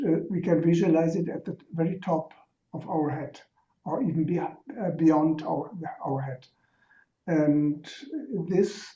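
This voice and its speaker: A man who paints explains the spiritual symbolism of his work slowly and deliberately, searching for words over a video call. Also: on the high side, dark tone. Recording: roomy, muffled video call audio.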